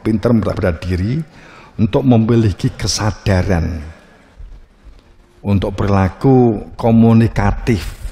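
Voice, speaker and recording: Slow, gravelly Javanese male preacher in a reverberant hall. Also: lowish voice, dark tone. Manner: unhurried, joking, acts out little scenes. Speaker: religious teacher. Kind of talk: religious study lecture.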